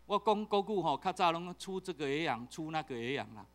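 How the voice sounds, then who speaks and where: The sermon comes from a middle-aged man whose Taiwanese accent rides a voice on the high side, fairly fast. As a pastor, he keeps things playful, telling stories with lots of animation and recurring fillers.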